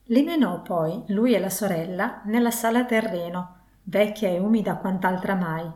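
A woman narrates a classic novel with an expressive storytelling cadence. Her voice sits at a middle pitch. The recording has a roomy echo. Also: normal speed. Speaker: audiobook narrator.

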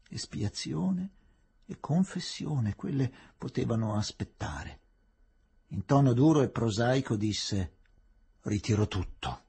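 A man reads a novel aloud in an expressive, dramatic way. His voice is very husky and breathy, and his pitch swings widely and in a lively way as he narrates. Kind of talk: audiobook narration.

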